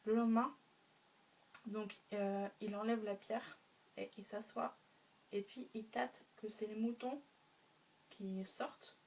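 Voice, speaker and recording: A woman's voice: medium pitch, steady tone, slow pace, long pauses, darkish tone. Hesitant woman retelling a story. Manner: hesitant, many fillers, spoken sound effects. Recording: faint room noise, mic a bit distant.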